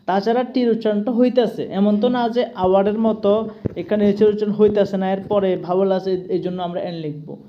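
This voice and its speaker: A woman's voice: medium pitch, steady tone, brisk. A woman with a Tripura Bengali accent teaches English grammar in a patient, step-by-step way and often stops to ask whether her students understand. Her voice is recorded slightly dull, with a faint hiss underneath. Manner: patient, keeps checking understanding with "ঠিক আছে?".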